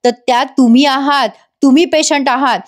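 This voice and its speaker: A woman's voice: sits high, fairly even intonation, normal speed, close to an everyday voice. A woman voicing a distraught young man who reproaches his wife in a TV serial recap. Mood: accusing. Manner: reproachful, accusing.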